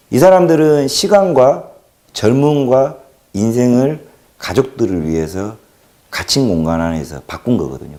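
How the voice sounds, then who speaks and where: A man hosting a casual livestream monologue, talking with a Jeolla accent in an animated, joking way and swinging between loud and quiet. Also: mid-range voice. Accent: Jeolla Korean. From Jeolla region, South Korea. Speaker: livestream host.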